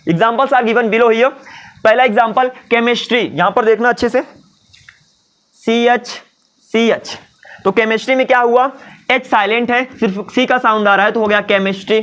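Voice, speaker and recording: A man teaching English pronunciation in a Hindi-English video lesson, asking and answering his own questions. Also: high-pitched. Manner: lively, asks and answers his own questions, voices imagined students.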